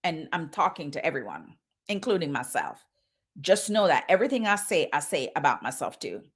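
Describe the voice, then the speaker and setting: A woman's voice: mid-range voice, a bit bright. A woman in her fifties giving an urgent motivational sermon as a minister, repeating phrases for emphasis. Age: 50s.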